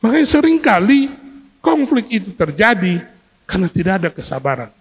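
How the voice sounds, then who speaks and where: A man preaching a sermon to a congregation, lively and questioning, acting out everyday scenes to make his point. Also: high-pitched, brisk, breathy edge. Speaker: pastor. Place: church hall. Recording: long hall reverb from a church.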